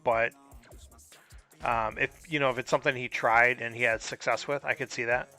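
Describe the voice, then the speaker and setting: A man commentates a card game live in a relaxed, chatty way, thinking aloud as he puzzles over his opponent's choices. His voice has a gravelly, fry-laden texture with a bright, forward edge. Soft music plays faintly in the background. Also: mid-range voice, normal speed. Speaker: streamer. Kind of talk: casual live gameplay commentary.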